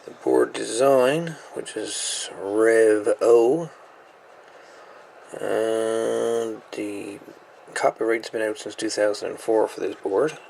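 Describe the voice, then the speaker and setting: A gravelly, darkish, lowish voice with fairly even intonation takes its time describing the inside of a radio gadget. The speaker, a radio hobbyist reviewer at a repair bench, thinks aloud and mumbles asides in this casual teardown, recorded poorly with a little hiss or hum.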